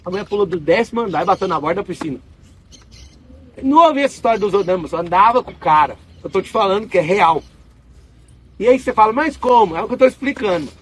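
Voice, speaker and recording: Brazilian guy doing a spiritual talk, high voice, rattles off quick slangy stories. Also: husky. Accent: Brazilian Portuguese. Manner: animated, slangy storytelling. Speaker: spiritual speaker. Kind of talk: casual spiritual talk to an audience.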